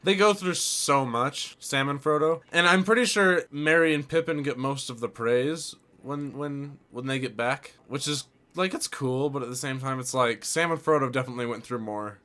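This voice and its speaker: A man's voice: medium pitch, normal speed, few pauses. A man giving casual reaction commentary as he watches a film, with its soundtrack playing behind him. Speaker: reaction video host. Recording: loud film music bleeding behind. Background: film soundtrack with music and effects.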